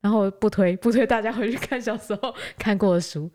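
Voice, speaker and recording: A woman in her thirties talks fast and freely in a podcast chat, musing on rereading childhood books. Her voice sits at a middle pitch and keeps a chatty, reflective flow. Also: a little mellow. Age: 30s. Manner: chatty, reflective, laughs easily. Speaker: podcast co-host. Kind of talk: casual chat.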